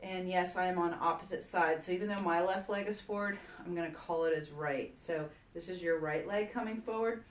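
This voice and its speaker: A woman yoga instructor leading a home floor routine, calmly cueing breath and poses. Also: lowish voice, a little fast, few pauses, reverberant.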